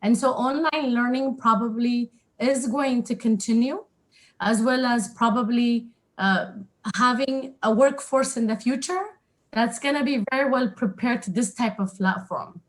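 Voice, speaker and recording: A woman from Ethiopia speaking as a webinar panelist, earnest and reflective, a little halting. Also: on the high side, poor audio. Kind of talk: spoken remarks on a webinar. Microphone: video call.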